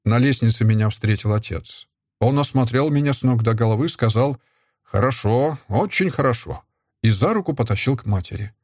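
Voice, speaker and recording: A male audiobook narrator telling a first-person story in steady, measured speech. His voice is slightly husky and mid-pitched. The recording is dry and close. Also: dry recording. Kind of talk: scripted narration.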